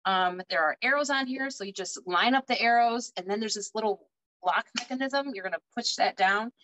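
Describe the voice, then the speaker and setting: A woman's voice: on the high side, brisk, fairly bright tone, slight background noise, poor audio. A woman in her thirties giving a cooking demonstration from her home kitchen over a video call, explaining step by step. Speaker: guest cook. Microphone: webcam video call.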